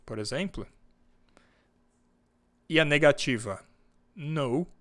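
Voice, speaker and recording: A man from Brazil teaching an online English class in Portuguese, slowly drawing out each English example word, heard over a computer mic on a video call. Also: a little high, expressive, a bit bright. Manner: slow and patient, drawing out English example words.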